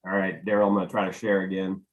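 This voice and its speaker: A man, a little hoarse, chatting casually while setting up a video call as host. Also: low-pitched, flat delivery, fast, rough recording. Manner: chatty, easygoing, mutters while working. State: losing his voice. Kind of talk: casual Zoom tech check. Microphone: computer mic on video call.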